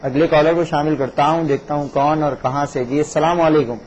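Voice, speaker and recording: A man's voice: on the high side, fairly even intonation, lo-fi sound. Courteous male broadcast host, noisy sound. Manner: courteous, formal, effusive praise. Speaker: host of a devotional recitation call-in show. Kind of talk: live broadcast presenting.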